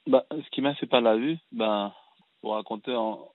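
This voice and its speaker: A man in his thirties, originally from Cameroon, calling in to a radio show and telling his story in an earnest, halting way with frequent restarts. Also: mid-range voice, no room sound. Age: 30s. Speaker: caller. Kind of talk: phone-in personal testimony. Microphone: telephone. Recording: tinny phone line.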